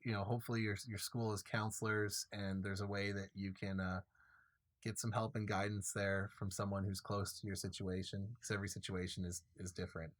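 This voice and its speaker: A man in his twenties hosting a live Q&A, talking in a halting way with many fillers and restarts. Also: lowish voice, flat delivery, no room sound. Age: 20s. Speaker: host and filmmaker. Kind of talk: live Q&A chat.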